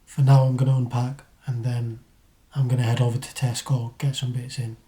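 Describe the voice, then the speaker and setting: A British man giving a casual, matter-of-fact vlog update in a low-key way. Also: level tone, a little fast, dark tone, breathy edge. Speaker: vlogger. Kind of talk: casual vlog talk to camera.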